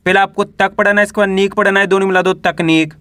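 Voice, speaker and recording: A man teaching a reading lesson, slowly spelling out words syllable by syllable and then blending them, with frequent drill questions to the viewer. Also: high-pitched, steady tone, fairly bright tone, no echo. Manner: slow syllable-by-syllable spelling with drawn-out vowels; repeats "how will we read it?" drills.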